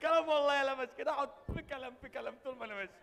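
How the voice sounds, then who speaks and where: Cheeky young egyptian sailor, talks super fast, high pitched, comedy play in big echoey theatre. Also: male voice, creaky, fairly bright tone, full character voice. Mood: teasing. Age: young adult. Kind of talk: stage comedy acting. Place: large indoor theatre stage. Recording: echoey theatre stage, noisy.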